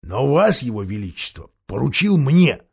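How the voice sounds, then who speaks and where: A man voicing a gruff, stubborn older male dwarf in a storybook reading. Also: mid-range voice, very animated, moderate pace, pitched below the performer's own voice, full character voice. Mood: stern.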